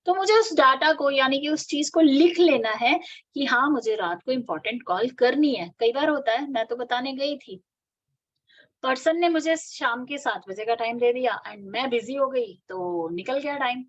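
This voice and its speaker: A woman giving a fast, energetic motivational sales training talk, repeating her key words. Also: sits high. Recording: slightly dull lo-fi audio.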